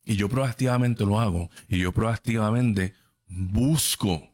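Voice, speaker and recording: A man's voice: fairly low pitch, a little slow, darkish tone. A man in his thirties talks straight to his listeners in a casual podcast. He is blunt and emphatic and swears freely. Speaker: podcast host. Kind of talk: casual livestream chat.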